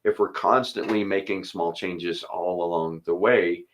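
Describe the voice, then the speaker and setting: A man's voice: sits low, measured pace, a little hiss or hum. A man who is a pastor, chatting casually and thinking aloud, then leading a spoken prayer. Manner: easygoing, thinks aloud, chuckles between thoughts.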